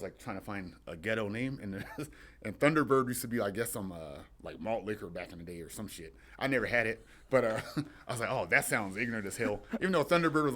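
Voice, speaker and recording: A man's voice: lowish voice, fairly bright tone. A young adult man from San Diego, a wrestler guest chatting casually and telling rambling stories with frequent laughs. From San Diego, USA. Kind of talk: casual chat.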